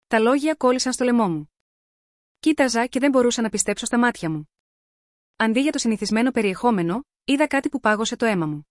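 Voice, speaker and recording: Lady reading out a story in first person, kinda high voice, steady and even. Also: no echo, studio quality. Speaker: narrator.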